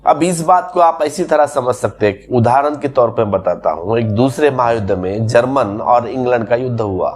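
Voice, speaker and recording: A man's voice: medium pitch, normal speed, few pauses. A man giving a spiritual discourse as a teacher, explaining patiently through repeated everyday examples.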